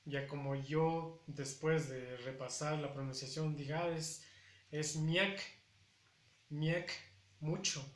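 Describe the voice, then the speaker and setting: A man gives a language lesson, patiently repeating each word. His voice sits a little high and moves very slowly. The recording carries a noticeable room echo. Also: fairly even intonation. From Puebla, Mexico. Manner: patient, repeats words slowly to show pronunciation. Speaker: Nahuatl language teacher. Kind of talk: spoken language lesson to camera. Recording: echoey room.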